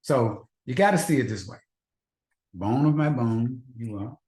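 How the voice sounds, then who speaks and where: A man's voice: mid-range voice, expressive, a little slow, darkish tone. Earnest man teaching a marriage class. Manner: earnest, repetitive, rhetorical questions. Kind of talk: faith-based marriage teaching. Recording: echoey room.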